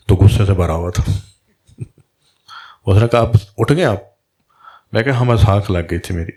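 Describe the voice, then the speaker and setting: Sufi guide guy, lowish voice, tells a story and does the voices of the people in it. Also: creaky, pauses often. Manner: recounts dialogue in lively quoted voices. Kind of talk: storytelling religious talk.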